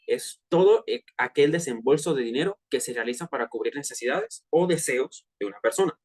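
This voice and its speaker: Briskly paced, a Venezuelan student in his twenties leads an online personal finance workshop for his peers. He speaks at an ordinary middle pitch with a Venezuelan Spanish accent, keeping it loose and chatty with plenty of hesitant fillers and casual slang.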